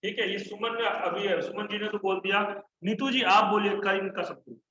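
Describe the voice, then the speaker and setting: A man's voice: high-pitched, steady tone, moderate pace, bright, forceful tone, roomy sound, muffled recording, slight background noise. A man teaching an online Sanskrit class, chanting word forms in rhythmic lists and correcting his students. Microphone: online class call mic.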